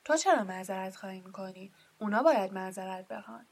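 A loud, blunt giant of a gamekeeper, quick to anger, in a storybook reading, as a woman narrator voices him. The voice stays fairly high and bright, with forceful, indignant emphasis. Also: expressive. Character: huge gruff male gamekeeper, quick-tempered.

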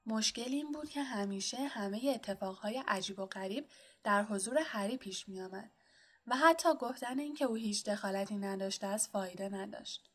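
A woman narrating an audiobook in a steady, measured reading style. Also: medium pitch. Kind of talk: scripted storybook narration.

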